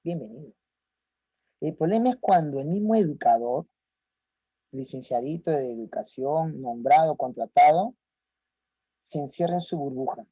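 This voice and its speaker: Man lecturing, emphatic, dark tone, muffled dry audio. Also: a little high, lively intonation, normal speed, husky, dry recording. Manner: emphatic, rhetorical questions to students. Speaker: teacher. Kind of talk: online lecture.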